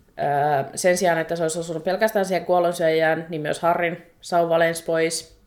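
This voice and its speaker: Low-voiced woman retelling a story, animated. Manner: animated, exasperated, quick laughter, swears. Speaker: podcast co-host. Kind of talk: casual chat retelling a book chapter.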